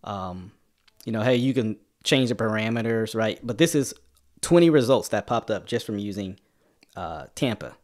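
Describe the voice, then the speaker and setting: A man's voice: lowish voice, animated, moderate pace, a little mellow. Man hosting a casual livestream. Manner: friendly and guiding, prompts his guest with questions. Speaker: channel host.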